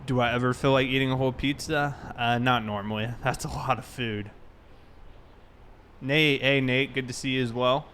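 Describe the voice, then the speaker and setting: A man livestreaming a police roleplay game chats casually and greets his viewers warmly. His mid-range voice is steady and fairly bright at a normal speed, with clear background noise audible.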